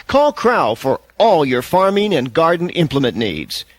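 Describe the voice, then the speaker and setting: A man voicing a brash, smooth-talking male radio talk host who banters on the air. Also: a little high, big pitch swings, no echo, voice pushed up. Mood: upbeat. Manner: upbeat on-air banter, quick to charm.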